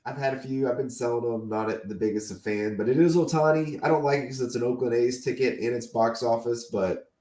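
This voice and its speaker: A man's voice: mid-range voice, a little fast, warm tone. Co-host, man, fading voice, keen opinionated collector chat, roomy echo. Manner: enthusiastic, opinionated collector talk. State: losing his voice. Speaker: podcast co-host. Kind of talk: casual chat.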